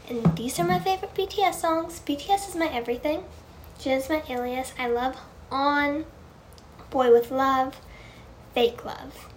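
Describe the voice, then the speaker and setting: On a livestream, a woman with a high, girlish voice casually answers fan questions, gushing earnestly and often repeating herself. A little hiss or hum is audible.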